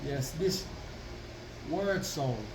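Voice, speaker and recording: A man delivers a devotional address in Rasta speech, slowly and deliberately. He proclaims with weighty pauses and emphatic declarations. The recording is roomy and off the mic, with steady noise behind him. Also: on the high side. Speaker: Rastafari speaker addressing followers. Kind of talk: devotional address with reading of own written piece. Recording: roomy, distant mic, constant background noise.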